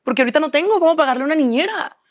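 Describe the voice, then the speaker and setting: A woman's voice: high-pitched, expressive, racing. A young woman with a Mexican accent, a guest in an interview, talking candidly and quoting herself and others often. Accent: Mexican Spanish.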